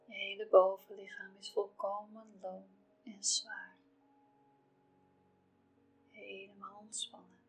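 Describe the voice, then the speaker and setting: A woman reading a scripted guided relaxation in a soft, soothing, half-whispered delivery with measured, calming phrasing. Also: mid-range voice. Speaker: guided relaxation narrator for pregnancy. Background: soft music.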